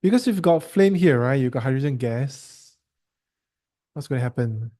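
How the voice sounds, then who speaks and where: A male tutor with a Singaporean English accent walks a student through a science lesson. His voice is warm and mellow at an ordinary pitch, and he quizzes and teases in an easy, chatty way. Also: animated, normal speed.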